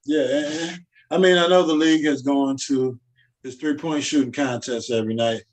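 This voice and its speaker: A man's voice: medium pitch, steady tone, normal speed, rough recording. Blunt, cussing middle-aged man. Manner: blunt, profane, easygoing opinions. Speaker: co-host. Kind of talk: casual sports talk.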